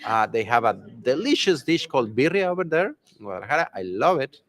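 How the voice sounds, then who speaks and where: A man's voice: medium pitch, big pitch swings, quick pace, a bit bright. A man interviewing a guest at a conference in a casual, upbeat, promotional way.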